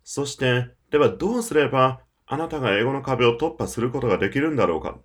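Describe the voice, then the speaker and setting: A man delivering a scripted audio course in a lively, rising-and-falling voice. He sounds persuasive and emphatic and speaks straight to the listener. Faint clicking sounds in the background. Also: medium pitch, fast talker. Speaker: English-learning course presenter.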